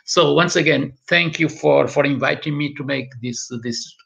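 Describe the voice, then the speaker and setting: Older Portuguese man with a gravelly voice. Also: a little high, moderate pace, a bit bright. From northern Portugal. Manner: hesitant, repeats words often. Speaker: professor. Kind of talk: online lecture. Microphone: webcam video call. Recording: lo-fi video call audio.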